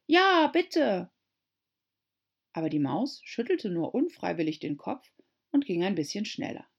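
A woman's voice: fairly low pitch, sing-song, normal speed, dark tone, breathy edge, lo-fi sound. A woman narrating a children's storybook as an audiobook reader. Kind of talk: audiobook reading.

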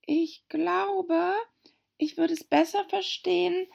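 A woman's voice: extremely high pitch, fairly even intonation, slow, vocal fry, a little mellow, muffled recording, voice pushed up, full character voice. A woman voicing Alice, a polite and thoughtful young girl, speaking earnestly.

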